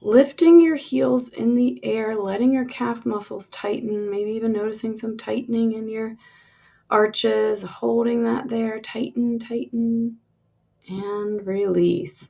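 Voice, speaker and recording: A woman guides a relaxation meditation, her soft, lingering instructions trailing off into breathy releases. Her voice is mid-range, husky, and creaky.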